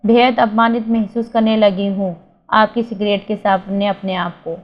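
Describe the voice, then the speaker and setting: A woman's voice: mid-range voice, flat delivery, moderate pace, close to an everyday voice. A woman voicing a grieving young wife who confides her sorrow in a letter. The recording is slightly dull and lo-fi. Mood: sorrowful.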